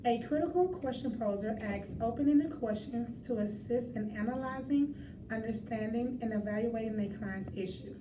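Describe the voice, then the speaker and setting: A young woman reading a class project script aloud in a steady read-aloud manner. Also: on the high side, normal speed. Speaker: narrator. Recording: roomy, distant, background noise.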